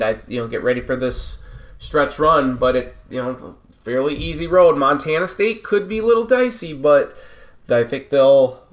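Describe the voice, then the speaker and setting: A man co-hosting a sports podcast, agreeing often and moving the talk along to the next segment. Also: mid-range voice. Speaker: podcast co-host. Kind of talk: casual sports chat.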